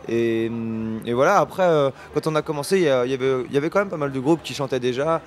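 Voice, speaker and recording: He's a band's singer and lyricist in his thirties, talking fast in a mid-range voice as he hesitantly answers interview questions and keeps restarting. The interview happens in a festival radio booth in front of a sponsor backdrop, with the host holding a handheld radio mic.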